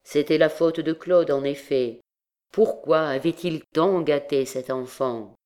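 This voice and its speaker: A woman reads a classic novel aloud in a calm, measured way. Her voice sits low and she takes her time with each phrase. It is steady audiobook narration.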